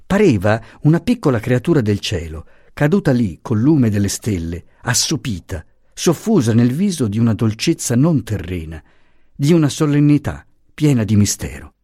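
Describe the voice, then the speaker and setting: A man narrating a classic novel in an expressive, measured way for an audiobook. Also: medium pitch, breathy edge, no room sound, clean studio sound.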